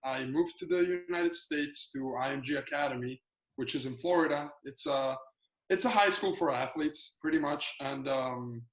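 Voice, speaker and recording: A man's voice: a little high, sing-song, normal speed. A young man from Colombia, a student athlete talking eagerly over a video call, with lots of fillers and restarts. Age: young adult. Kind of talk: casual video-call chat. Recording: roomy video call audio.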